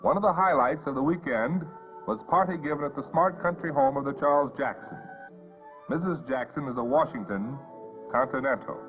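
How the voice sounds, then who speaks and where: A man's voice: medium pitch, brisk. An American man reading scripted 1950s newsreel narration in an announcer's delivery. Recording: muffled vintage newsreel audio, phone-like band. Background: loud background music.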